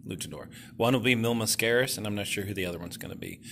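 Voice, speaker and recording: A man's voice: lowish voice, fast, creaky, a bit bright, slight background noise. A man casually walking through his toy customizing work, rambling and hesitant with many fillers and restarts, a bit self-deprecating. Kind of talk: casual hobby vlog walkthrough.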